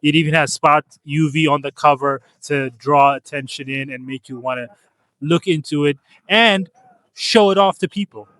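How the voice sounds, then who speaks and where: A man's voice: a little high, moderate pace, fairly bright tone, dry recording. Earnest man from Ethiopia, dry sound. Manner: earnest, with frequent restarts. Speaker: comics publisher, interviewee. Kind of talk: casual interview answers. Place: comic convention floor.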